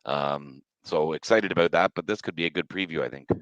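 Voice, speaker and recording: A laid-back man in his late thirties talks in casual podcast chat. He is agreeable and swears now and then. His voice is very low-pitched and recorded close and dry. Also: a little fast, fairly bright tone, smooth, dry recording, dull audio. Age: 30s. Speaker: podcast co-host.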